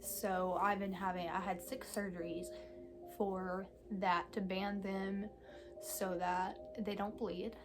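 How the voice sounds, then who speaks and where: A young woman of eighteen speaks candidly straight to her viewers. She talks slowly and haltingly, with frequent fillers and pauses in a soft, mid-pitched voice. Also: little pitch movement, music in the background. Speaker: vlogger. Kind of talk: casual personal vlog talk.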